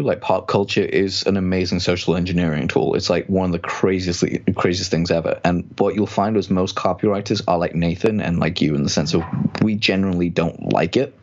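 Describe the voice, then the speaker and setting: On a muffled recording, a low-voiced man with a transatlantic accent and hard R's chats casually as a podcast guest, talking about copywriting and voice work.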